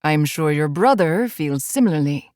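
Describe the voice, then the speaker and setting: A woman voicing a gentle, confident adult male alpha with a soft, smooth, lightly teasing manner. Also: sits low, lively intonation, normal speed, no echo, clean studio sound.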